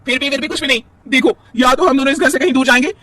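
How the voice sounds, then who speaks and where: A man voicing a spoiled, bossy young married woman with a shrill, whining voice. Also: lively intonation, quick pace, recorded from a distance, over music.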